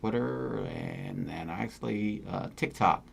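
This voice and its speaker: A man, a comedian guest, chatting casually in a halting, hesitant way. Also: lowish voice, huge pitch swings, vocal fry, a little hiss or hum. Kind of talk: casual chat.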